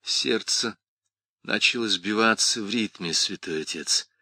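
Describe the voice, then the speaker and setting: A man voices an exhausted, worried priest speaking in a quiet, flat, weary tone. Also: lowish voice, unhurried, husky, no echo, clean studio sound, heavily acted.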